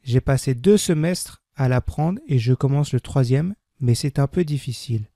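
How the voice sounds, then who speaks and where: This French language teacher has a dark, gravelly voice at medium pitch and reads a beginner French text slowly for learners. He repeats every sentence with careful diction. The recording is close and dry, with no echo or room sound.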